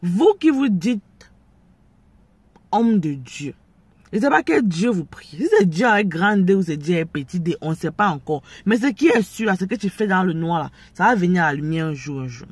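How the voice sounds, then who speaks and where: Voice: medium pitch, expressive, moderate pace, husky, dry recording. A speaker with an Ivorian French accent giving preachy, confrontational commentary straight to the viewers. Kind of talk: direct-to-camera commentary.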